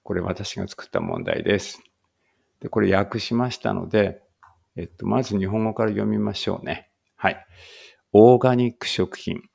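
A man teaching a casual English read-aloud lesson, chatty and correcting himself as he goes, reading English sentences slowly. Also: fairly low pitch, very animated, creaky, husky.

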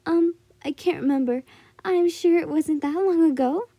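A woman's voice: extremely high pitch, moderate pace, dark tone, no room sound, voice pushed up. A woman voicing a weak, timid young female warrior, meek and apologetic, in an amateur story reading. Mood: nervous, evasive.

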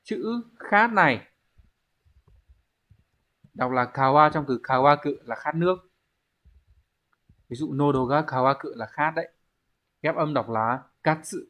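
A man's voice: a little high, animated, measured pace, long pauses, fairly bright tone. Man teaching an exam review lesson. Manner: explains step by step, often asks the class to confirm. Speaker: Japanese language teacher.

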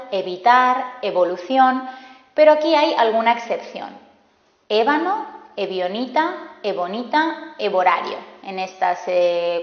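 A woman with a Spain Spanish accent teaching a spelling lesson, slow and deliberate as she spells out examples. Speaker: language teacher. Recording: echoey room, dull low-fi sound.

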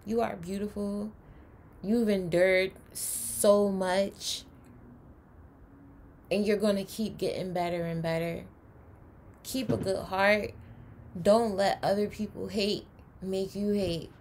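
A woman hosts a reaction video from a room at home, her voice gravelly with a slight rasp of fry. She speaks passionately and emphatically, pressing her points like a lecture, with faint hiss behind her. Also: mid-range voice, steady tone, slow, pauses often, darkish tone. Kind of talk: reaction commentary.

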